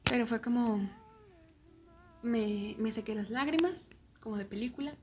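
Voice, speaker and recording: A young woman with a Mexican accent telling a personal story in a casual way, often dropping into soft, near-whispered asides. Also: on the high side, unhurried, background noise.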